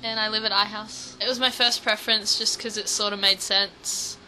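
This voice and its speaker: A woman's voice: mid-range voice, flat delivery, moderate pace, sharp tone, a little hiss or hum, rough recording. A young woman from Australia, an international student, chatting casually in an interview.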